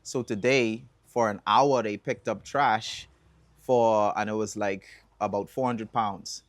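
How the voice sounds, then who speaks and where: A Bahamian man telling stories as an interview guest, relaxed and chatty, with bursts of excited whoops. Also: lowish voice, slow, no echo. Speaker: songwriter and environmental advocate guest. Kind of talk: casual interview answers.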